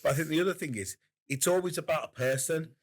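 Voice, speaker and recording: A man's voice: fairly high pitch, fast. A man co-hosting a podcast in casual chat, musing aloud with a lot of hedging and wry humor. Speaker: podcast co-host.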